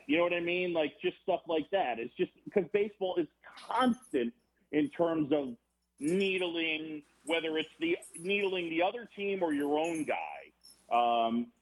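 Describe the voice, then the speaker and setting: A man, a baseball broadcaster guest on a podcast, talking in a rambling, animated way with many restarts. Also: fairly high pitch. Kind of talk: casual podcast conversation. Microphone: phone or remote call. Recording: tinny phone line.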